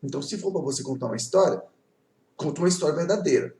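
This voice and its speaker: A man's voice: on the high side, lively intonation, rapid-fire, darkish tone. A man with a Brazilian Portuguese accent voicing a stern, impatient king who scolds and threatens, in an echoey room away from the mic. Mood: stern warning. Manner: gruff, scolding.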